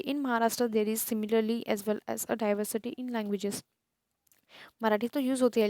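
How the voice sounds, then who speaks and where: Slow-reading Indian woman teacher, dry sound. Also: a little high, darkish tone, no room sound. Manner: reads English lines slowly word by word, explains faster in Hindi. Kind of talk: textbook lesson, reading English then explaining in Hindi.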